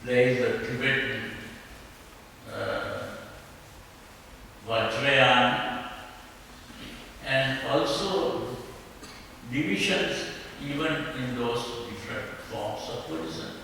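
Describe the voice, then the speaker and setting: An older man from Sri Lanka, a Buddhist monk giving a dharma talk on meditation, speaking slowly and deliberately with many pauses. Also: medium pitch, bright, forceful tone. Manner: slow, measured delivery with frequent pauses and fillers. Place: large hall with long reverb. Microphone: distant from the mic. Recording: echoey hall from far off, faint hiss.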